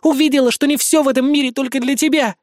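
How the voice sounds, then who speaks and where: A man voicing a proud, hysterical female warrior goddess who shouts in indignation, in an audiobook. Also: very high-pitched, steady tone, fast talker, dry recording, clean studio sound, voice pushed up. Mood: indignant. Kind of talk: audiobook character voice.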